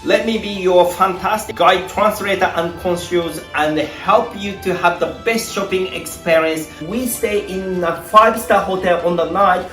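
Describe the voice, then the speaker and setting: Upbeat Japanese-accented man pitching a tour. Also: fairly even intonation, unhurried, hardly any pauses, sharp tone. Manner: upbeat salesy delivery with rhetorical questions and long lists. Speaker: tour guide and founder of a craft tour. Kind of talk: promotional voice-over pitch. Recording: roomy voice with faint background music.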